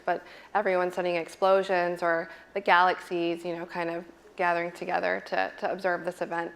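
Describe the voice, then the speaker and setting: Woman, panelist, reflective, flat low gravelly voice. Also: low-quality recording. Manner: reflective, with fillers and hedges like "kind of". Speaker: panelist, astronomy professor. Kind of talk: panel discussion.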